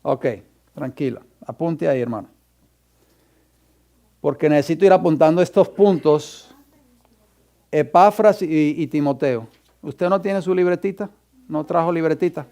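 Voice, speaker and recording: High-voiced, clear pastor teaching a class. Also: male voice, a little slow, long pauses, dark tone. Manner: quizzes the class and dictates scripture references. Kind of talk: Bible class lecture. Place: church classroom.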